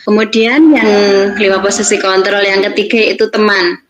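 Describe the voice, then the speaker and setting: A woman's voice: medium pitch, steady tone, normal speed, crowd noise, rough recording. A woman teacher from Indonesia giving a presentation on classroom practice, explaining steps plainly. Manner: explanatory, acts out teacher and pupil lines.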